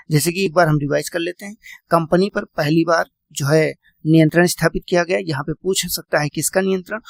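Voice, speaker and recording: A man's voice: on the high side, gravelly, no room sound. A man teaching a classroom lecture, repeating key points, quizzing his students and calling them "beta".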